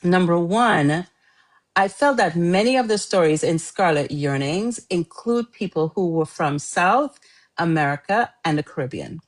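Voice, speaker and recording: Talkative and often laughing, a middle-aged author from Trinidad makes casual conversation as an interview guest. Her voice is on the low side, animated and unhurried.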